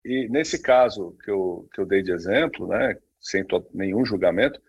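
A man's voice: deep voice, normal speed, vocal fry, slightly rough, highs cut off. A man co-hosting a casual talk, speaking with many fillers and restarts. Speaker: podcast co-host. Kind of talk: casual conversation on branding.

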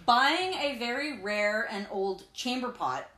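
A woman co-hosting a casual chat, telling stories with lively energy. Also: a little high, slow. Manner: animated, laughing storyteller. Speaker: podcast co-host. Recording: echoey room.

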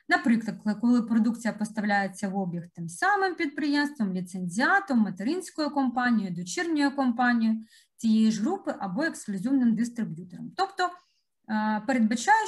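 A woman giving an expert presentation with slides, explaining step by step through examples and often pausing on hesitant fillers. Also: a little high. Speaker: conference speaker.

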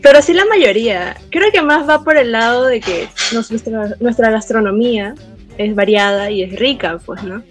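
A woman's voice: on the high side, expressive, moderate pace. Peruvian woman, lima accent, thoughtful and easy, faint music. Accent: Peruvian Spanish, Lima. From Peru. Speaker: podcast co-host. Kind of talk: casual panel chat.

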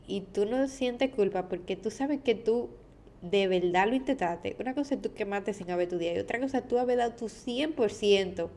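A woman's voice: mid-range voice, a little mellow. Tired young woman talking candidly. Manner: candid, emotional, repeats words while searching for them. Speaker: podcast host. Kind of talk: personal confessional podcast.

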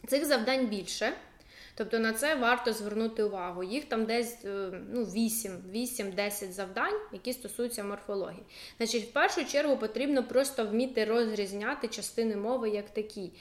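A young woman teacher talks through her lesson in a loose, chatty way, with plenty of fillers and side remarks. Her voice sits a little high, and the room gives it a noticeable echo. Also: brisk. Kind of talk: casual explanatory lesson.

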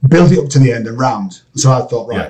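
A Scottish man, a game composer, chatting in an interview, excitable and rambling with many restarts. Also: medium pitch, fast talker. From Scotland. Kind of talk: casual interview chat. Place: home studio area, lives in LA.

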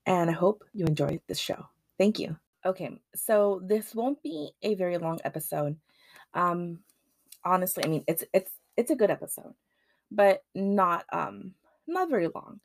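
A woman's voice: lowish voice, expressive, normal speed, no room sound. A woman hosting a solo podcast in casual chat, rambling with many ums and restarts. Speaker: podcast host.

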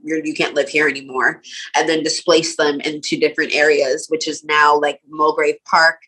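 A woman from Nova Scotia talks casually as an interview guest. Her voice sits low yet sounds bright and forceful. She strings thoughts together with frequent "like" and "um". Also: little pitch movement, moderate pace, breathy edge, low-quality recording. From Canada (Nova Scotia). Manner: casual, many "like" and "um" fillers, laughs often.

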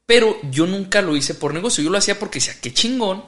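A man's voice: sits high, animated, fast, a bit bright. A man, a motorcycle vlogger guest, telling a story in casual chat and acting out the quoted lines. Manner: laughs often, acts out quoted dialogue.

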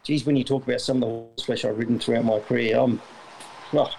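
Give me a middle-aged Australian man with a gravelly voice, rambling casually in an interview. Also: medium pitch, fairly even intonation, fast talker, darkish tone, a little hiss or hum, poor audio. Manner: rambling, self-correcting, many fillers. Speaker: retired jockey guest.

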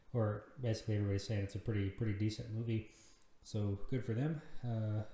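A man in his thirties hosts a casual solo podcast in a very echoey room, his lowish voice mellow. He rambles, pokes fun at himself, and swears freely.

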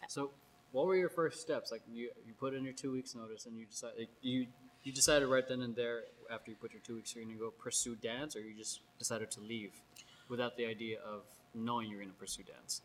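A man's voice: mid-range voice, fairly even intonation, fairly quick, slight background noise, rough recording. A man born in the Philippines and raised in Los Angeles, hosting a casual interview in an encouraging, playful way. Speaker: host.

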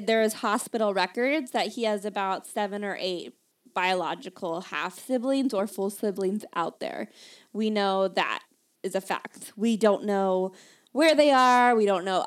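A young woman co-hosting a casual podcast, chatty and prompting her partner while filling in details of the story. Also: mid-range voice. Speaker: podcast co-host. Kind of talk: casual chat.

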